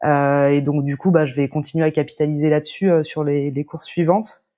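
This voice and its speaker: A woman from the French Atlantic coast, a sailor in an interview, speaking hesitantly and often pausing to search for words. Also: sits low, fairly even intonation, dark tone. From La Baule, France. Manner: hesitant, many fillers and restarts. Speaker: sailor guest. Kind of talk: casual interview chat.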